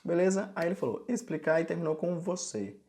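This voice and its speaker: A man's voice: a little high, expressive, a little fast, warm tone. A man from Brazil giving a casual sign language lesson, explaining step by step and often checking in with the viewer. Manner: chatty, explains step by step, frequent "tá bom?" check-ins.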